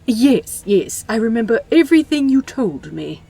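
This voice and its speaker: A woman's voice: a little high, sing-song, moderate pace, gravelly, warm tone, husky, heavily acted. A woman voicing a prim, polite male angel in a fan audio drama, earnest and genteel with a touch of indignation.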